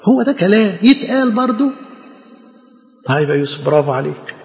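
Fast, high-voiced Egyptian preacher. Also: male voice, vocal fry. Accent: Egyptian Arabic. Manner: animated, teasing, repetitive, rhetorical questions. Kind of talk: sermon. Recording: echoey church hall, dull lo-fi sound.

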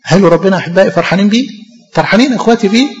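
Speaking in a large hall, an Egyptian Arabic-accented priest preaches with passion, addressing his congregation directly. His voice is high, animated, and racing, and the recording has its highs cut off.

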